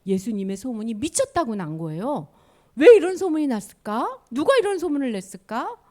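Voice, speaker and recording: A woman telling a Bible story to children in an animated way, often asking them questions. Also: fairly high pitch, a little fast.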